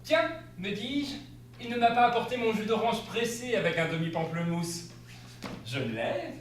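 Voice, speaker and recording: A man's voice: high-pitched, lively intonation, moderate pace. A man on stage playing a flustered spouse who tells an absurd tale in a comic theatrical monologue. He delivers it in an exclamatory way and laughs through his lines. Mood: flustered, amused. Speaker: stage actor. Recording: echoey stage, distant mic, faint hiss.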